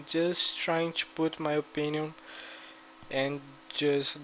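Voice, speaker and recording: A Brazilian man whose first language is Portuguese makes gaming videos and offers card game strategy tips in a loose, rambling way packed with fillers. His voice sits fairly high and comes across flat, slow, and fairly bright. The low-quality recording carries a slight hiss or hum.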